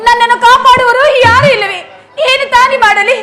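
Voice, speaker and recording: A woman's voice: very high voice, steady tone, normal speed, loud music behind the voice. A woman playing a virtuous married woman who scolds a villain in a declamatory folk-drama style. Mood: scornful. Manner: scolding, declamatory stage delivery. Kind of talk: Kannada folk stage drama.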